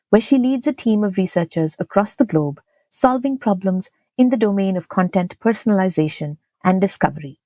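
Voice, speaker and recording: A woman's voice: medium pitch, warm tone, dry recording. A woman hosting a podcast, reading a guest introduction and asking conversational interview questions. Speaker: podcast host.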